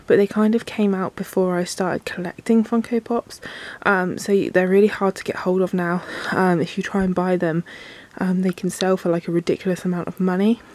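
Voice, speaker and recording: Chatting casually for her book vlog from a work bathroom, a woman speaks in a lowish, slightly mellow voice. She's sniffly and congested from a cold, and her talk is full of ums and likes.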